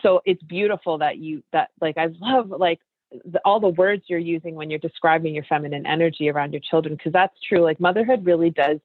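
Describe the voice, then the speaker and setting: A woman's voice: deep voice, brisk, breathy edge, no echo. Fifties woman hosting, emphatic coachy talk, thin phone-ish sound, dead dry. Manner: emphatic, coaching, addresses listeners directly. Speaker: podcast host and coach. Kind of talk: casual interview chat. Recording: tinny phone-like line, dry.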